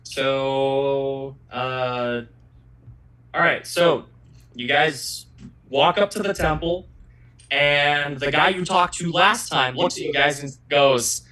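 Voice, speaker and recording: A man running a tabletop game as its game master. His voice is bright and forceful, and he sits at middle pitch. He talks haltingly, with many fillers and restarts. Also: rough recording. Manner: halting, filler-heavy delivery.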